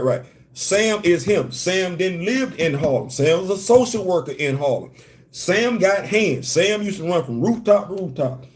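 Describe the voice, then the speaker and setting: A New York man with a hint of Southern accent hosts a live stream in a slightly high, somewhat mellow voice. He delivers animated commentary in emphatic, slangy bursts, repeating lines for emphasis and greeting viewers as they arrive.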